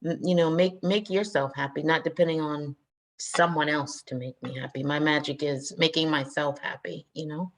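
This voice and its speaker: A young woman guest speaking calmly and reflectively in a casual interview. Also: low-pitched, moderate pace. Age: young adult.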